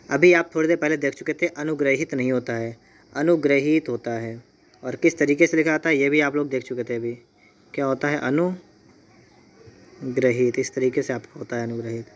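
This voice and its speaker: Brief: male grammar teacher, mid-pitched, steady patient explainer for exam students. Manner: patient, repeats points, says "ठीक है" often. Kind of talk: exam-prep lesson explaining spellings.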